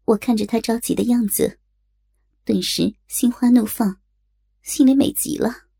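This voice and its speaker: A woman's voice: on the high side, unhurried, vocal fry, dark tone, husky. A woman reading a first-person story aloud, in a chatty, wry way. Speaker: narrator.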